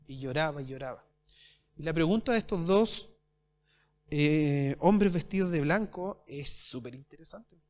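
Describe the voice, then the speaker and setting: A man preaching a sermon as pastor at a church service, asking his congregation rhetorical questions and swinging between loud and soft. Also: high-pitched. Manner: addresses congregation as brothers.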